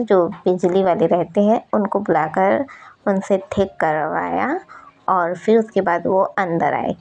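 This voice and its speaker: A woman narrates a fan-made story in a steady, explanatory manner. Her voice has a gravelly edge, and the recording sounds dull and lo-fi. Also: fairly low pitch.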